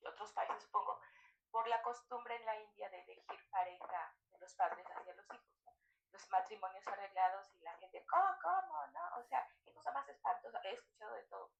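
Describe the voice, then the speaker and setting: A woman's voice: medium pitch, gravelly, low-quality recording. A woman, a student sharing a thoughtful, hesitant comment in class. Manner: thoughtful, hesitant, searching for words.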